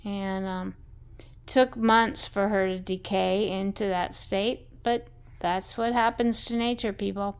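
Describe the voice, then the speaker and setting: A woman's voice: medium pitch, fairly even intonation, slow pace, clean tone. A woman telling a rambling story in a blunt, salty way, full of fillers and asides. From American West.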